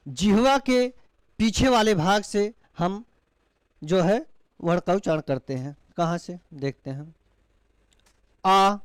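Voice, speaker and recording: Slow, lively-voiced male teacher. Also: sits high, no room sound. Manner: slow, drawn-out vowel demonstrations with repeated questions. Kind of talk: classroom lecture.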